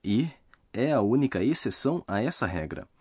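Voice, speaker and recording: A man narrating a scripted language lesson, explaining grammar rules slowly and carefully. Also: mid-range voice, big pitch swings, a little mellow, husky, no room sound, clean studio sound.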